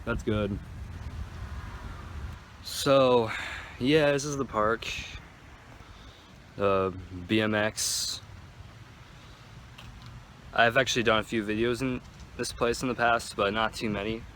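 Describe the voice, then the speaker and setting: A man's voice: on the low side, fairly even intonation, slow, pauses often, fairly bright tone, slight background noise. A teenage male vlogger chatting casually and in a rambling way, with lots of "like", while walking outdoors in a park. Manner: rambling, filler-heavy with "like". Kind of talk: casual outdoor vlog chat.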